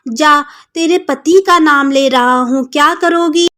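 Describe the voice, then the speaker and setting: Lady doing a grumpy blunt villager guy, slow delivery. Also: sits high, pushed and bright, voice pushed up, full character voice. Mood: irritable. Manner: blunt, snappish. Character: illiterate village man, blunt and irritable.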